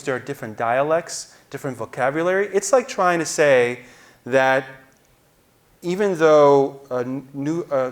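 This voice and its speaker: A man in his forties from New Jersey, answering as a journalist on a stage panel, explaining at length and gesturing as he talks, into a lapel mic. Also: on the high side. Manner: explanatory, gestures while talking. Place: auditorium stage.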